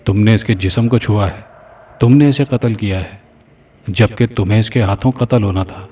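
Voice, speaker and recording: A man's voice: lowish voice, mellow, husky. A man voicing a cold, menacing possessing spirit. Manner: cold, threatening. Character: menacing male spirit possessing an old father. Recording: distant mic, faint background music.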